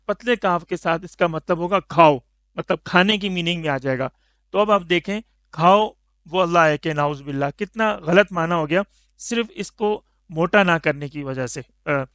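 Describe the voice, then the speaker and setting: A man's voice: high-pitched, fairly bright tone, dry recording, clean studio sound. A man teaching Tajweed pronunciation of Arabic letters, patiently stretching each letter sound for the learner. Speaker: Quran recitation teacher.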